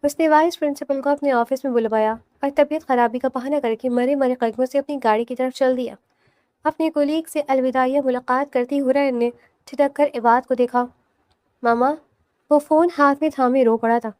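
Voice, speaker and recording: A woman reads a romantic novel aloud in scripted audiobook narration, soft and steady. Her voice sits high, and the recording is close and dry with no room sound. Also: dry recording.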